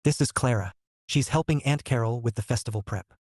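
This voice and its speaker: A man voicing a bubbly, excitable young woman who talks breathlessly in a storybook reading. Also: mid-range voice, brisk, no room sound, clean studio sound, natural voice. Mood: excited.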